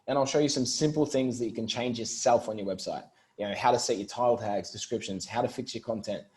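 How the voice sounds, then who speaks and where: An interview guest who works as a marketing entrepreneur, this man hails from Brisbane and has an Australian accent. His explanations are casual and conversational, and his voice is mid-range, quick and somewhat dark in tone.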